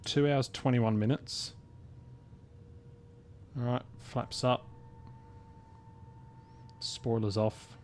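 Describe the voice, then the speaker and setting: A male flight simulator streamer talks through his play casually, as if thinking aloud. His voice is a little low, with faint rumble behind it. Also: a little mellow. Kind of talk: casual live gameplay commentary.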